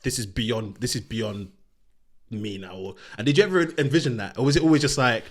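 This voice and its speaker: A man's voice: medium pitch, brisk. A male podcast host asking long, rambling interview questions, restarting often and hedging with "if you like". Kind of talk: casual interview chat.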